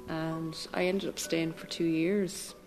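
A woman with an Irish midlands border accent from Cavan, telling personal memories in a thoughtful, halting way. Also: low-pitched, little pitch movement, a little mellow, soft background music, poor audio. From County Cavan, Ireland. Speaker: interviewee recalling own life. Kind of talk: reflective personal storytelling.

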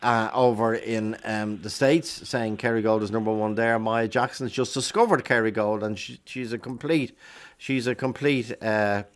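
A man's voice: lowish voice, fairly even intonation, moderate pace. A man with an Irish accent hosting a radio phone-in, chatting casually and probing callers with short questions. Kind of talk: casual interview chat.

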